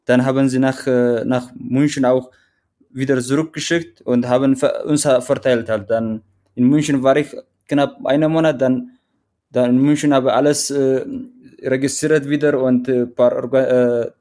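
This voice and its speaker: In a casual chat, an Eritrean runner who competes in the mountains answers as a guest, his Eritrean accent clear. His mid-range voice is mellow and level at a normal speed, though he hesitates and restarts a lot while hunting for words.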